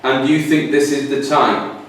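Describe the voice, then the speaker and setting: A man's voice: mid-range voice, steady tone, a little slow, a bit bright. A man delivering an earnest, insistent theatrical monologue. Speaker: stage performer. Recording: echoey live stage from a distance.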